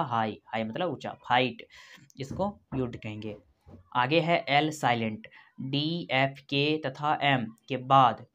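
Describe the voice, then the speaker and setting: A man's voice: medium pitch, fairly bright tone, highs cut off. A male teacher giving a recorded lecture, methodically spelling words out letter by letter and repeating each rule. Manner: methodical, explanatory.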